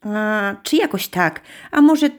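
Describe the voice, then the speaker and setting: A woman's voice: mid-range voice, expressive, takes it slowly. A woman voicing a naive, chatty little girl telling about her operation.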